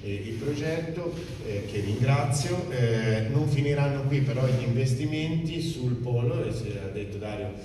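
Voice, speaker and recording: A man's voice: medium pitch, normal speed, hardly any pauses, background noise. A man who is a local official, giving a speech at a press event, hesitant, with many fillers and restarts. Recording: echoey hall, mic from far off.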